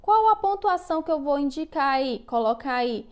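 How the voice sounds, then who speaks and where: High-voiced woman teaching young children. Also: lively intonation. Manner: slow, clear and encouraging, with questions to the class. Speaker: primary school teacher. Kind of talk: video lesson for young children.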